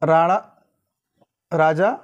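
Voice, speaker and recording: A man's voice: fairly high pitch, fairly even intonation, extremely slow, lo-fi sound. A young man from Uttar Pradesh teaching an exam-prep lesson, repeating points and quizzing listeners with tag questions. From Uttar Pradesh, India.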